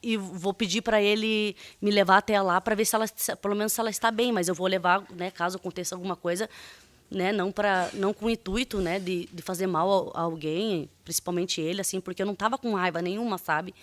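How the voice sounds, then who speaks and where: A woman's voice: mid-range voice, fairly even intonation. Hesitant woman giving court testimony. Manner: hesitant, halting, full of fillers and restarts; earnest, defensive. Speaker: defendant.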